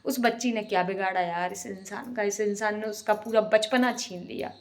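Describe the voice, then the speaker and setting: A young woman venting emotionally in a casual home vlog, often speaking quietly while cooking in her kitchen. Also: mid-range voice, moderate pace. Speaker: vlogger, single mother.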